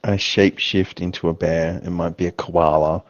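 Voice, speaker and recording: A man's voice: low voice, fairly even intonation, moderate pace, lo-fi sound, background noise. A young man playing a tabletop game, goofily describing his character's actions and making puns. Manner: goofy, punning. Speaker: player.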